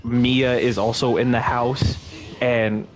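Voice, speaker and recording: A man's voice: mid-range voice, little pitch movement, takes it slowly. A man in casual podcast chat, retelling a movie plot in a rambling, profane way and acting out the characters' lines. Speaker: podcast co-host.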